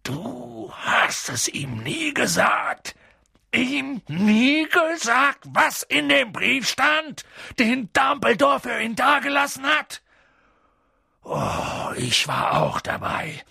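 A narrator voicing a hot-tempered giant male groundskeeper in an audiobook, gruff and booming in his outbursts. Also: sing-song, measured pace, a bit bright, no echo, studio quality, heavily acted. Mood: outraged. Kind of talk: audiobook reading.

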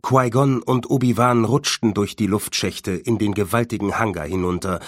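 A man reading a children's storybook aloud with calm, steady narration. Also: on the low side, moderate pace, no echo, clean studio sound.

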